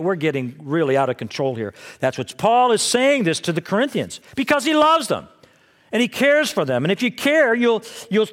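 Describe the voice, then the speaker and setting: A man's voice: high-pitched, a bit bright. A man pastor preaching a sermon, reading scripture aloud and adding asides in a church. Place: church sanctuary. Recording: long hall reverb.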